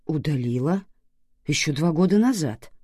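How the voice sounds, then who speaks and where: Reader voicing an anxious tearful woman, shaky lively pitch, dry sound. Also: normal speed, husky, no room sound. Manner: anxious, near tears. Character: tearful anxious middle-aged female passenger.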